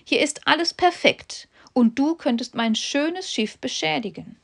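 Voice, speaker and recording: A woman's voice: high-pitched, unhurried, creaky, pitched above the performer's own voice. A woman voicing Pride as a vain, fussy male figure in a fairy tale. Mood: prim.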